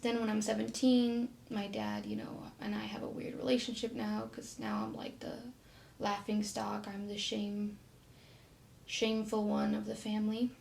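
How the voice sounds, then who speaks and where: A young woman in her twenties, telling her own story to camera in a soft, halting way, often trailing off quietly. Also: mid-range voice, creaky, a little hiss or hum.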